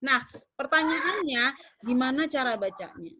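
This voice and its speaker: Young woman, English teacher, slightly high voice, drills words slowly, checks understanding. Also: expressive, pushed and bright. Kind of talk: online pronunciation lesson.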